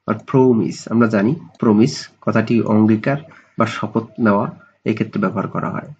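A male English vocabulary teacher with a Bengali accent, giving a slow voice-over lesson and repeating each English word several times to stress how it is pronounced. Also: on the low side, fairly even intonation, a little mellow, breathy edge, highs cut off.

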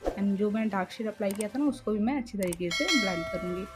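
A young woman narrating her makeup tutorial as a voice-over, speaking slowly and softly at night with a chatty, friendly manner. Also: mid-range voice, lively intonation, over loud music. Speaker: beauty vlogger. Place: room in a house by a main road at night. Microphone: home voice-over recording.

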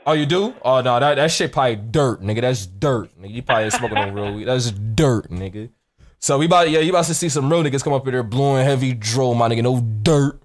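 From his gaming setup indoors, a young American streamer makes a prank call, his mid-range voice moving quickly. He keeps the exchange confrontational and slang-heavy, cursing and saying the same things over and over.

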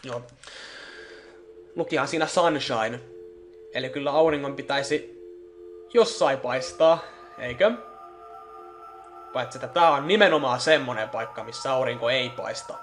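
A young man talks over a horror game in a loose, offhand way. He swears easily and pokes fun at the scares, at a middle pitch with faint music playing in the background. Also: long pauses, fairly bright tone. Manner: swearing, joking, mocking the scares. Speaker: let's play gamer. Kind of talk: casual horror game commentary.

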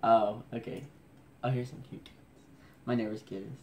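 His delivery is flat, at a medium pitch and normal speed, and his tone leans darkish. He's a man vlogging casually at home at night, hushed to avoid waking anyone, rambling and joking at his own expense over old photos. A faint hiss or hum runs underneath.

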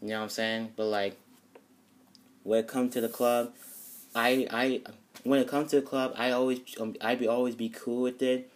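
A man's voice: medium pitch, flat delivery, normal speed. A young man telling a casual storytime vlog, rambling with many restarts and fillers. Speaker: vlogger.

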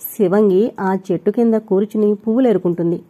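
A woman reading an audio novel aloud, with steady storytelling narration. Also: mid-range voice, fairly quick, slightly rough.

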